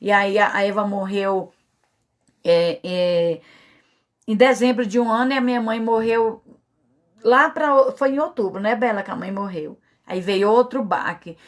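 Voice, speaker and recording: A woman's voice: mid-range voice, steady tone, a little slow. A middle-aged woman pastor with a Brazilian Portuguese accent, giving an earnest, emotional personal testimony. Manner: earnest, confessional, openly emotional.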